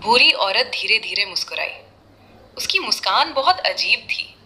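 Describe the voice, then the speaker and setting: A woman giving steady scripted narration of a cartoon horror story. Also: medium pitch, unhurried, husky.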